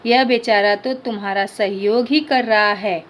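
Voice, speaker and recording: A woman's voice: medium pitch, fairly even intonation, a little slow, a little hiss or hum, lightly acted. A woman teacher voicing a kind father reassuring his son.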